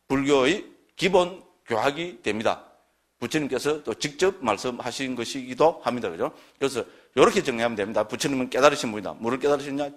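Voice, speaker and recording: A man's voice: medium pitch, fairly bright tone. A man lecturing on Buddhist scripture, emphatic and constantly checking in with his listeners through short tag questions.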